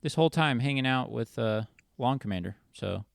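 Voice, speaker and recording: Clear-voiced man hosting a casual podcast. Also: medium pitch, lively intonation, moderate pace, no echo, clean studio sound. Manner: informal, chummy. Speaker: podcast host. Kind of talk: casual chat.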